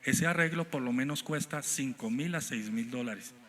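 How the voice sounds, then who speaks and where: A man preaching a sermon in a church, telling stories and acting out dialogue, rising to loud emphatic points. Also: medium pitch, moderate pace. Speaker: guest preacher. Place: church sanctuary.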